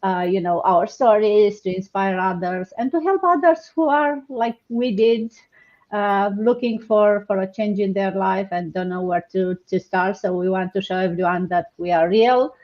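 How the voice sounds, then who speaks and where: A woman from Romania hosts a live online panel, speaking in a mid-range voice at normal speed. She talks hesitantly, with many fillers and restarts. The video call audio sounds dull and lo-fi.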